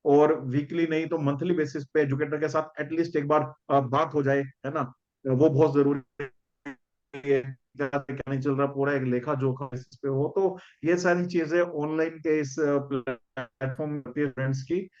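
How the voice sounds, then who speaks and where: A fairly high man's voice talks straight to students, stressing his points hard. The sound is dull and lo-fi, like audio from an online call. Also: fairly even intonation, normal speed, darkish tone. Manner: emphatic, addresses students directly, mixes in English. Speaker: educator and co-host. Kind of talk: teacher's advice to students.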